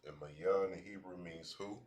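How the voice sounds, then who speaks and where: A man teaching a language class at a board, talking in halting bursts with many restarts. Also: deep voice, steady tone, a little mellow.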